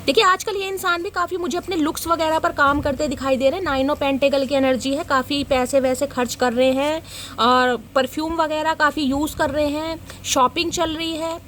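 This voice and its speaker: A woman's voice: sits high, fairly even intonation, normal speed, fairly bright tone, a little hiss or hum. A woman giving a casual tarot reading to her viewers, chatty and teasing, who scolds and jokes as she goes. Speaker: tarot reader.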